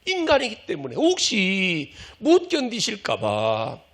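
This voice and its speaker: A middle-aged man preaching a sermon with a gravelly, textured voice. His pitch sits a little high and swings widely as he switches between scolding the flock in a homely way and acting out pleading prayers. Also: wildly swooping pitch, measured pace, a bit bright. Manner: impassioned preaching, acts out prayers and pleas; folksy, scolding, conversational with the congregation. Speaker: pastor.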